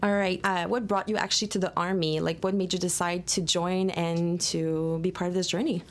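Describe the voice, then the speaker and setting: A woman's voice: on the low side, level tone, normal speed. Chatty woman interviewer. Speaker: interviewer, community organizer. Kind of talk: casual interview.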